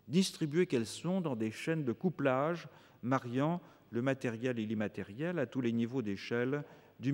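A man giving a formal academic lecture, reading long measured sentences with occasional hesitant fillers, before an audience in a lecture hall. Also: medium pitch, darkish tone.

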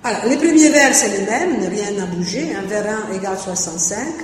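A woman's voice: mid-range voice, lively intonation, normal speed. A woman giving an academic lecture on translation and verse drafts, hesitant, with many fillers and restarts. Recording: very echoey hall, faint noise.

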